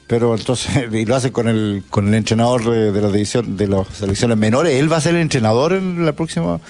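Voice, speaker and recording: A man's voice: mid-range voice, fairly quick, a little mellow, soft background music. A man on a sports panel, arguing in a casual, hesitant way, often restarting his words.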